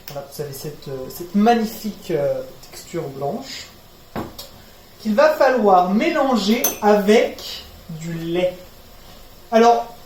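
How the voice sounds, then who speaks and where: A man's voice: high-pitched, darkish tone, a little hiss or hum. A young man vlogging while cooking at home, rambling chaotically with self-mocking, swearing asides. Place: home kitchen. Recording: echoey kitchen with sizzling pan. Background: frying and sizzling food, stirring.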